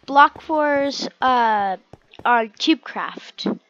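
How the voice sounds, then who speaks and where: A young woman gaming video creator sounds stuffy and sick as she casually commentates while playing, cheering and groaning at what happens. Her high-pitched voice is animated and fairly bright, but she talks extremely slowly, and the audio is dull.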